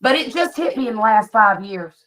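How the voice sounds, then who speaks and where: A woman's voice: a little high, lively intonation, fairly quick, fairly bright tone. A woman, hosting a casual chat and telling stories chattily. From US Gulf Coast. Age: 50s. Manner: chatty storyteller, acts out quoted voices. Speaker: host.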